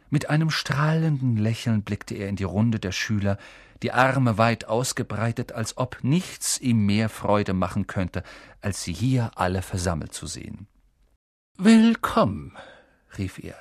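A man narrating an audiobook in an expressive, storytelling manner. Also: lowish voice, a little slow, dry recording, studio quality. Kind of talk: scripted narration.

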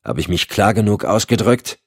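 A man's voice: fairly low pitch, very animated, normal speed, husky, no echo, studio quality, voice pushed up, full character voice. A man voicing a hot-tempered, tough male agent who talks bluntly and threateningly. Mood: menacing.

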